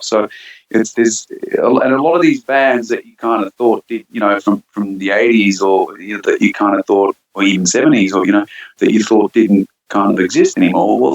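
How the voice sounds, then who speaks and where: A deep, gravelly man talks loosely as an interview guest, circling through fillers and restarts. The sound comes through a muffled, lo-fi remote line. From Switzerland and Australia. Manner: rambling, many fillers and restarts. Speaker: band singer, guest. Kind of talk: casual interview chat.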